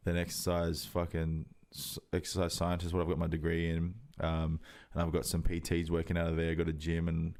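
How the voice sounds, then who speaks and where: A man's voice: low-pitched, monotone, brisk, few pauses, darkish tone. A young Australian man in his twenties chatting casually on a podcast, rambling with lots of fillers and swearing. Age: 20s. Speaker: podcast co-host, rugby league player. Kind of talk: casual chat.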